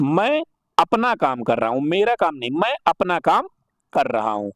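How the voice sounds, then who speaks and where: A man with a high, animated voice teaches exam-prep grammar, pitch leaping up and down as he goes. He keeps asking "what is it?" and answering himself, then repeats each correct form. The sound is close and dry, with no room echo. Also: normal speed. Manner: asks rhetorical questions and answers them himself.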